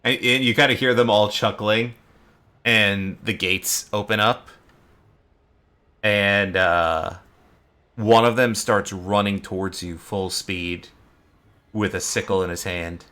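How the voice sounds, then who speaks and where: A man narrating a tabletop game as game master, in a relaxed storytelling manner with many fillers. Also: lowish voice, slow, long pauses, clean tone.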